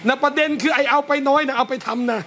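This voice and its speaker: A man, a religious teacher, gives a lively lecture at a home gathering, talking straight to his listeners. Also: very high-pitched, quick pace, a little hiss or hum. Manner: lively, talks straight to listeners and acts out scolding parents.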